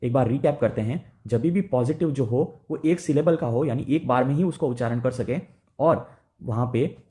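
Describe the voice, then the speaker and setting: A man's voice: mid-range voice, mellow. A man with an Indian accent teaching an English grammar lesson in Hindi, explaining rules step by step and often checking in with "right?".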